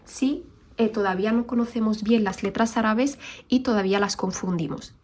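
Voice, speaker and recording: Woman, recitation teacher, patient explanations, mid-pitched voice. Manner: patient, explanatory, models Arabic sounds slowly. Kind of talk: online lesson.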